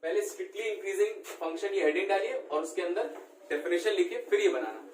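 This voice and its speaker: A man with a high, fast, darkish voice teaches a math class, constantly quizzing his students with short questions to check they're following. The lesson is recorded in an echoey room with a distant mic and faint background noise.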